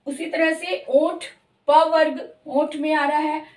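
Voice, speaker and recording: A woman teaching Hindi grammar, explaining slowly and drawing out each sound she demonstrates. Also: sits high, level tone, a little mellow, echoey room, far from the mic. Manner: slow, careful, drawn-out demonstration of sounds. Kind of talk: explanatory lesson.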